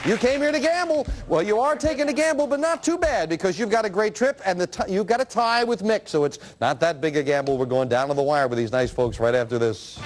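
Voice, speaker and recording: Lively high-pitched male game show host. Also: fast, hardly any pauses. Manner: animated, teasing banter with contestants. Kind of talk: live quiz hosting with read questions. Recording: loud studio crowd noise. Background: studio audience.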